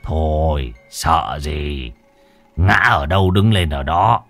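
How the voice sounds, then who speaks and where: A man's voice: extremely low pitch, slow pace, fairly bright tone, soft background music, voice pushed down, exaggerated voice. A man voicing a blunt, teasing old exorcist in a ghost story. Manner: coarse, teasing.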